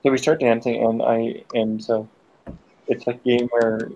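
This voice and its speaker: A man's voice: medium pitch, flat delivery, a little slow, dark tone, slight background noise. A man telling a long, rambling, profane story in a casual group voice chat, breaking off now and then to snap at friends who interrupt him. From United States. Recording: dull lo-fi voice chat audio.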